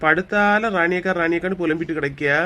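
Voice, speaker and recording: A performer voicing an easygoing, teasing village husband in a cartoon comedy, calm and mildly mocking, with a Kanyakumari Tamil accent. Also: male voice, a little high, fast talker. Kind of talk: comic cartoon dialogue.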